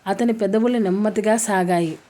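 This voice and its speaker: A woman reading a serialized romance story aloud as its storyteller, steady and even, sometimes correcting herself. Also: mid-range voice, moderate pace.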